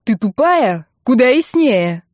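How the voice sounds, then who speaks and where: A woman voicing a sulky, quarrelsome teenage brother who yells and whines, in an audiobook. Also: fairly high pitch, normal speed, no room sound, studio quality, natural voice. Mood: shouting. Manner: yelling, whiny.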